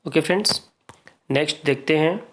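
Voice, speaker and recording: A man's voice: a little high, brisk, a bit bright. A man with an Indian accent teaching an exam-prep grammar lesson, reading out word pairs and drilling students to repeat them.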